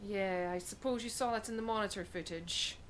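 A woman's voice: medium pitch, a little fast, natural voice. A woman playing a brusque, scheming female flight engineer on a space station in an audio comedy. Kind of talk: comic radio-play acting.

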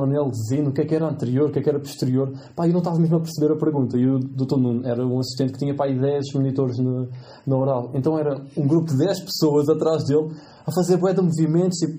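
A slightly high-voiced man in his twenties, a medical student with a European Portuguese accent, is a guest in a relaxed interview, sharing lively anecdotes full of slang.

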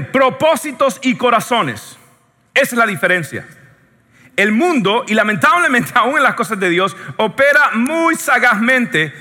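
Very high, bright-voiced Latin American pastor preaching. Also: male voice. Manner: joking, animated storytelling, often asks the audience "yes or no". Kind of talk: sermon. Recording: long hall reverb.

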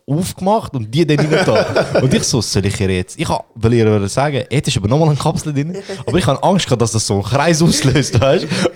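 A man's voice: a little high, a little mellow. A young man with a Swiss German accent, a podcast co-host who tells casual stories, acts out quotes and laughs often. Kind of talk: casual storytelling chat.

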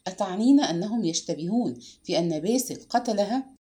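A woman reading aloud and voicing an excitable young wife who speaks high and agitated. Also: brisk, lightly acted.

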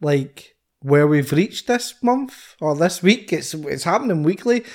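A man with a Scottish accent co-hosting a podcast, chatting in excitable, rambling banter. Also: fairly high pitch, measured pace. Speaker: podcast co-host. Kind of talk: casual chat.

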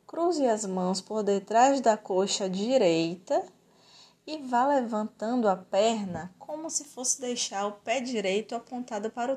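A woman with a Brazilian accent teaching yoga and relaxation in a calm, soothing, measured way with gentle pauses. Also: medium pitch. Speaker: yoga instructor. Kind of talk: guided yoga and relaxation instruction.

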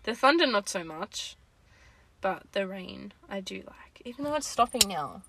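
A woman's voice: medium pitch, expressive, normal speed, a bit bright, no echo, low-quality recording. A woman co-hosting a casual advice chat, talking informally with slang and swearing. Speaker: podcast co-host.

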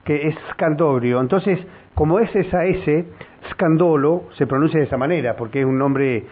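A man's voice: fairly high pitch, moderate pace, husky. Chatty older man hosting radio. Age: 60s. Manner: chatty and jovial, talks over the guest. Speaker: radio host. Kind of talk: casual radio interview. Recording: lo-fi radio broadcast.

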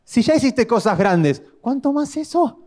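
A young man with a Rioplatense Spanish accent preaching a sermon, telling stories dramatically and swinging between loud and hushed delivery. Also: very high-pitched, sing-song, a little slow. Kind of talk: sermon with storytelling.

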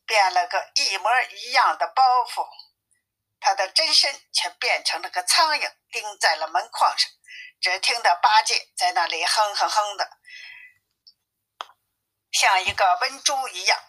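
A woman storyteller reading a classic tale aloud in a lively, expressive way. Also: medium pitch, poor audio.

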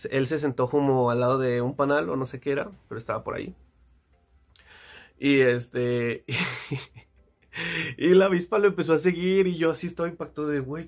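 A young man with a Mexican Spanish accent, casually telling a story with lots of slang and acted-out voices. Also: medium pitch. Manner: slangy, animated, acts out voices.

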